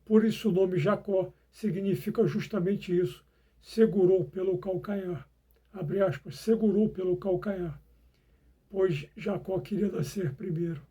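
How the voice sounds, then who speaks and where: A man's voice: high-pitched, steady tone, unhurried, dark tone, slightly rough. A Brazilian man teaching a Bible lesson as if dictating, reading in short phrases and speaking the punctuation aloud.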